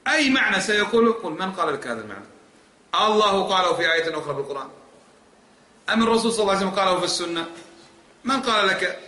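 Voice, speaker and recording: A man's voice: on the high side, bright, forceful tone. A man teaching a lesson on creed, pressing his points with emphatic rhetorical questions. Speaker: religious teacher. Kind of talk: lecture on creed. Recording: echoey hall.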